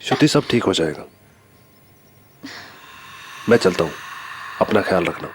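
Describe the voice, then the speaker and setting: Actor playing a soothing young fiancé. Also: male voice, mid-range voice, a little fast, noisy background, close to an everyday voice. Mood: dismissive. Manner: soothing, dismissive, steady. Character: calm, reassuring young fiancé, doubtful and practical. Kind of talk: broadcast horror TV drama.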